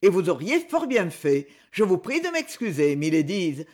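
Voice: medium pitch, sing-song, normal speed, darkish tone. A reader voicing a haughty young duke. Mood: courteous. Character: proud aristocratic young English duke.

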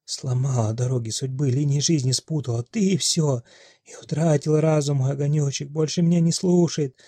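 A man's voice: medium pitch, steady tone, brisk, warm tone, dry recording, lightly acted. A male audiobook reader voicing an ancient hysterical witch who shrieks curses and wails prophecies. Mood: wailing lament. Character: ancient wailing female witch, gone hysterical.

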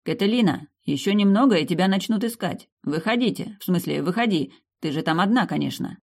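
A woman's voice: fairly low pitch, expressive, brisk, vocal fry, darkish tone. A woman reading the lines of a young male royal servant who is courteous and stumbles over formal and informal address. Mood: polite, formal. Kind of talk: audiobook character reading.

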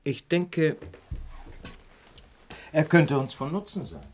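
A man acting Sherlock Holmes, a shrewd, courteous gentleman detective, in a radio play with an urbane, deliberate, theatrical delivery. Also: on the high side, slight background noise. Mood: assured, reflective.

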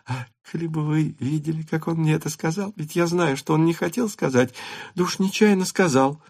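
A man reading an audiobook aloud and voicing an excitable, pleading teenage girl in a high, breathless, insistent voice. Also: moderate pace, vocal fry, dry recording, clean studio sound.

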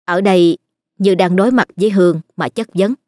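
A woman with a Southern Vietnamese accent narrating a ghost story in a steady, plain way. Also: lowish voice, brisk, no echo, studio quality.

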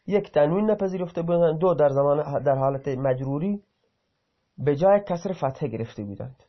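A man teaching an Arabic grammar lesson, reading example sentences aloud and then explaining them, sometimes breaking off to correct himself. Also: fairly high pitch. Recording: dull lo-fi recording.

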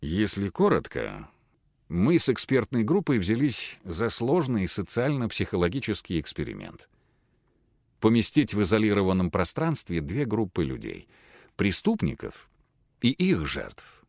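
A man voicing a calm, detached middle-aged professor who speaks in a measured way. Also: lowish voice, vocal fry, no echo, studio quality, heavily acted. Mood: calm, cold.

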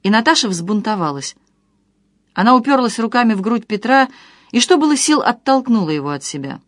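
A woman reading a novel aloud as an audiobook narrator, in a measured and expressive way. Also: a little high, no echo, clean studio sound.

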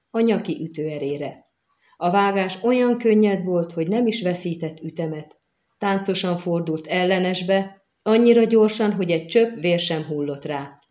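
A woman narrates an audiobook with a measured, dramatic delivery. Her voice sits fairly low. The recording is dull and lo-fi. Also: a little mellow.

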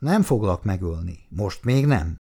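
A man's voice: low voice, sing-song, vocal fry, dark tone, exaggerated voice. A man reading the part of a cool-headed militia leader who talks to a prisoner in a dry, teasing, lecturing way. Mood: cool mocking.

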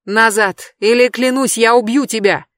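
A reader voicing a desperate man with a rifle, yelling threats. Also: mid-range voice, steady tone, normal speed, no echo, clean studio sound, pitched above the performer's own voice, close to an everyday voice. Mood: threatening.

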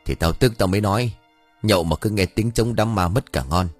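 A man's voice: lowish voice, fairly quick, no echo, faint music behind, natural voice. A man voicing a sneering young drinking buddy.

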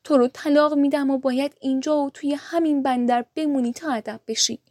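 A woman's voice: sits high, fairly even intonation, darkish tone, dry recording, studio quality, natural voice. Stern proud merchant prince, read by a woman. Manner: stern and scolding. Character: proud, harsh rich male merchant prince.

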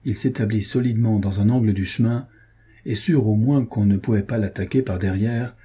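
A man narrating an audiobook in a steady, measured reading. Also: lowish voice, slightly rough. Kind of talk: scripted narration of a historical novel.

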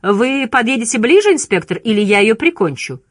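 A woman's voice: a little high, very animated, a little fast, no echo, clean studio sound, voice pushed up. A woman voicing a menacing, cruel male killer who jeers and mocks in an audiobook reading. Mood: taunting. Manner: jeering, mocking taunts.

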